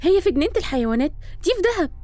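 An actress with an Egyptian accent playing a young adult daughter, brisk and exasperated as she calms her mother. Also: very high voice, no room sound.

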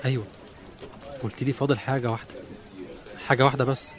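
A man's voice: medium pitch, little pitch movement, quick pace, close to an everyday voice. A man with an Egyptian accent playing a young businessman who stammers in disbelief. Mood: puzzled. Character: shocked young businessman betrayed by colleagues. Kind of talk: radio drama acting.

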